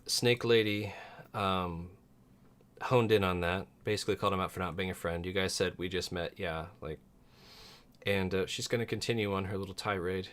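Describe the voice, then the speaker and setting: Low-voiced man running a tabletop game. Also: steady tone, moderate pace, fairly bright tone, clean tone. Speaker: game master. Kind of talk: casual tabletop game chat and narration.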